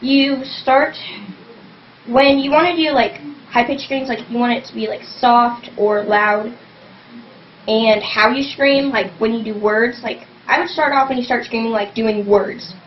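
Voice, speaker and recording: Dull, lo-fi webcam audio with a faint hum captures a young woman teaching scream technique in a casual home tutorial. Her voice is a little high, steady, and a bit slow, and she rambles, saying "like" in every phrase as she explains vocal technique.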